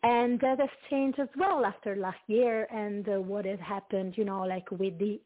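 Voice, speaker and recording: A woman from Italy with an Italian accent, a singer-songwriter speaking as a guest in a casual interview, talking haltingly with many fillers and restarts. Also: mid-range voice, fairly even intonation. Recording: tinny phone-like call audio.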